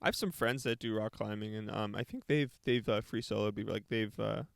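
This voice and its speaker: A young man co-hosting a podcast in casual chat, chatty and quick to laugh, often trailing off mid-sentence. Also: lowish voice, creaky, dry recording, studio quality. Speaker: podcast co-host.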